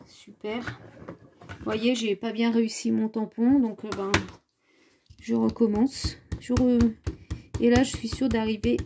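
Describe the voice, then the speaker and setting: A woman's voice: on the high side, gravelly, background noise. A woman hosting a casual craft tutorial, thinking aloud while she works, hesitant with many filler sounds and restarts. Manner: talks to viewers while working with her hands.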